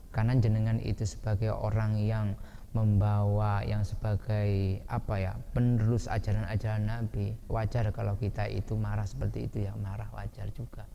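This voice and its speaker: A man with a Javanese accent giving a lively Islamic study sermon, asking his listeners questions and acting out angry shouting. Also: on the low side, moderate pace, vocal fry, highs cut off, slight background noise. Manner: lively, asks the audience questions, acts out shouting. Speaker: ustadz teaching a hadith class. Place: boarding school study hall. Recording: reverberant hall with faint ambience.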